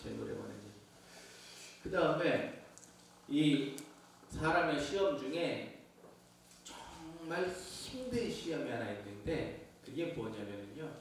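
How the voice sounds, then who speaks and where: A man's voice: a little high, big pitch swings, slow, pauses often, slight background noise. A male pastor giving a conversational sermon to his congregation, often asking them questions. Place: church sanctuary. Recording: echoey church from far off.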